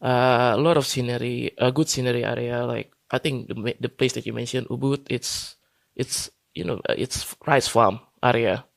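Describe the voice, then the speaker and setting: Hesitant gravelly man from Indonesia. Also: medium pitch, steady tone, normal speed, no room sound. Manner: hesitant, many fillers and restarts. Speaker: guest consultant. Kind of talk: casual interview talk.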